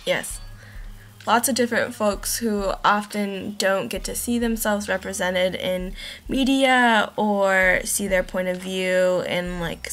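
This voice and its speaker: A young woman hosting a podcast, talking casually in an earnest, explanatory way. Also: medium pitch. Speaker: podcast host.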